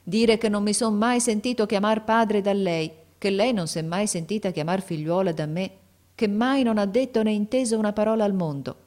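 A woman's voice: mid-range voice, moderate pace, voice pushed up, close to an everyday voice. A woman reading a story aloud, voicing an emotional, anxious father, a gardener who keeps exclaiming. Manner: emotional, exclaiming, rising to near shouts. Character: anxious, overjoyed working-class father, a gardener.

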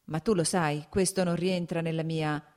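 A woman reading the lines of a young aristocratic officer in an audiobook, relaxed and lightly amused. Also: low-pitched, moderate pace, lightly acted.

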